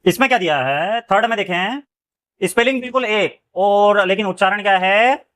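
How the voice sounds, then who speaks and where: A man's voice: sits high, moderate pace, fairly bright tone. A man teaching English phonics, asking his students a question after nearly every word and then answering it himself. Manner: asks the class questions and answers them himself; often adds a check-in phrase after a point. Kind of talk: classroom-style phonics lesson.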